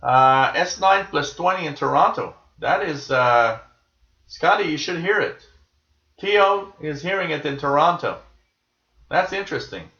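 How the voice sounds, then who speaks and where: Male radio-tuning host, slightly high bright voice, casual musing commentary, roomy dull recording. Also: measured pace. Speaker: host of a live shortwave radio tuning stream. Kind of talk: casual live commentary, reading out listener signal reports. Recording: dull, echoey room sound.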